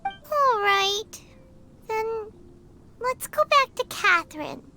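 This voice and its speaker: A tiny childlike fairy from a fantasy game, squeaky and extremely high-pitched. The delivery is excitable and exclamatory, swinging up and down, with bright, piercing tone. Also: female voice, slow, soft background music, heavily acted. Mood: resigned. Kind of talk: video game voice acting.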